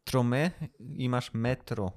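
A man's voice: medium pitch, slow pace, darkish tone. A man co-hosting a podcast, chatting casually, explaining things and joking along. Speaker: podcast co-host. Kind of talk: casual improvised chat.

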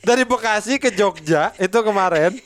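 A man's voice: high-pitched, normal speed, crowd noise. A man, co-hosting a casual comedy podcast, teasing and laughing often. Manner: teasing, laughs often, mimics people on the phone. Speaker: podcast co-host.

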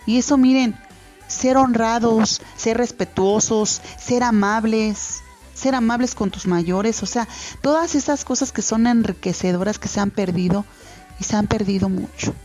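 An unhurried radio host with a Mexican accent gives parents casual, earnest advice in the studio, her monologue rambling with fillers and restarts. Her voice is fairly high and darkish, over soft background music.

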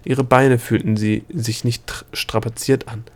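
A man reading a fantasy novel aloud as narrator, calm and even in his storytelling. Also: medium pitch, measured pace. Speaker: audiobook narrator. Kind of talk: scripted narration.

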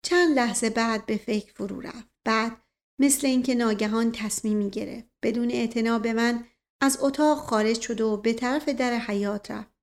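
A woman narrating a novel as an audiobook, in an expressive, measured reading. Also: a little high.

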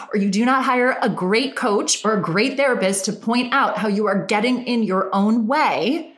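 Chatty Valley Girl woman coach. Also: medium pitch. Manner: chatty and emphatic, repeats words for stress. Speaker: relationship and business coach. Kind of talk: motivational monologue. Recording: roomy echo.

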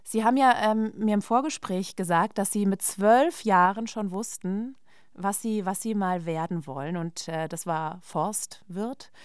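Smooth-voiced woman interviewer. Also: medium pitch, measured pace, dry recording, clean studio sound. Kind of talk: interview questions.

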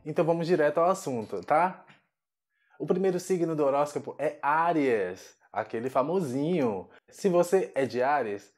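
A man giving a video English lesson, slowing down carefully to model each pronunciation. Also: fairly high pitch, a little mellow. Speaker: English teacher.

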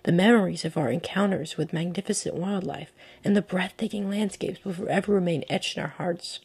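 A woman hosting a podcast in the style of a scripted nature documentary, with earnest, descriptive and measured storytelling. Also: on the low side, gravelly, dark tone, breathy edge. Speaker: podcast host.

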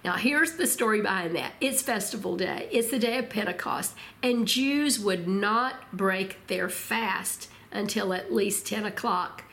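A woman delivering a sermon at a middle pitch. She teaches with expression and slows down on key words to stress them. She often turns to her listeners with rhetorical questions. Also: vocal fry, fairly bright tone. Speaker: Bible teacher.

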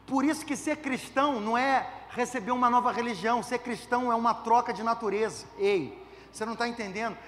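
A man's voice: extremely high pitch, fairly quick, fairly bright tone, long reverb tail, a little hiss or hum. A man, a pastor preaching a conversational sermon full of rhetorical questions and humor. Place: church.

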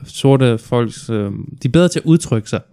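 A man's voice: mid-range voice, animated, mellow, clean tone. A man co-hosting a casual podcast, rambling with many restarts and acting out little scenes as he talks. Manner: rambling, restarts, acts out gym moments. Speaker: podcast co-host. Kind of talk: casual chat.

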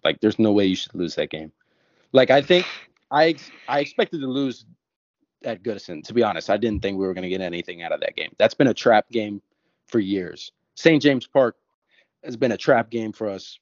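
A man's voice: on the low side, animated, normal speed, no echo. A man from the United States talking football on a podcast panel, casual and hesitant, often restarting his sentences. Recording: dry, dull lo-fi mic.

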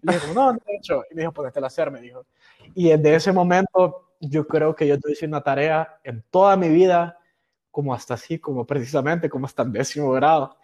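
A man's voice: on the high side, fairly quick, a little mellow. A young man from Honduras with a Honduran accent, casually telling stories about his school years in a slangy, self-mocking way, dropping English words in. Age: young adult. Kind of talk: casual storytelling.

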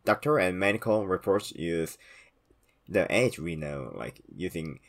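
Low-pitched young Korean man, tricky V sounds. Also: animated, a little slow, vocal fry. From South Korea. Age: 20s. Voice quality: trouble pronouncing V sounds. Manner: non-native English phrasing. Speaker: podcast co-host explaining Korean customs. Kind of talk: casual explanatory talk.

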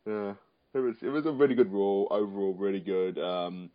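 Low-voiced man rambling in casual chat. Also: normal speed. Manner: rambling, repeats phrases for emphasis. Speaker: podcast co-host. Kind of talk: casual chat about wrestling. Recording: dull, lo-fi audio.

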